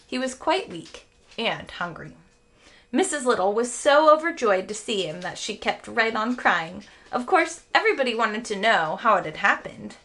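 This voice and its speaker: Reading to an imagined class of young children, a woman teacher brings a story to life expressively and explains phrases as she goes. Her voice sits a little high and her pace is normal.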